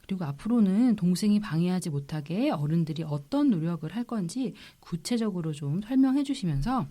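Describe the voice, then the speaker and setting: A woman child psychiatrist on a podcast, giving calm, measured parenting advice. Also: fairly low pitch. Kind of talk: podcast expert explanation.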